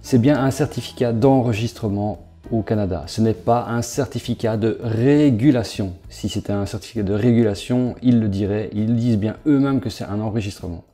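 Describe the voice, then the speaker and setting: A man giving a casual screen walkthrough as a YouTuber, talking straight to the viewer and halting with fillers. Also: lowish voice, mellow, soft background music. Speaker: crypto investment YouTuber.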